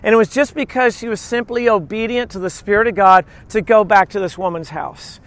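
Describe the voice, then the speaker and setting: A preacher with a voice that sits high speaks briskly in an informal, conversational sermon. He teaches through personal stories, animatedly acting out little quotes along the way.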